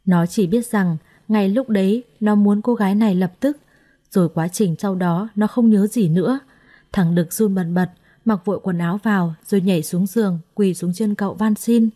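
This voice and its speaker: A woman tells a story in a steady, expressive way. Her voice is mellow and sits at a middle pitch. She reads from a script. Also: normal speed. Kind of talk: scripted narration.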